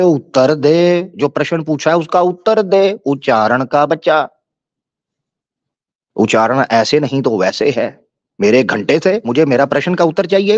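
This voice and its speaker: Taunting man, lively pitch. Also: no echo. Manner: taunting, mocking and crude. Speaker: religious debater hosting a live stream. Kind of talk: combative live-stream rant. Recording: dull lo-fi stream audio.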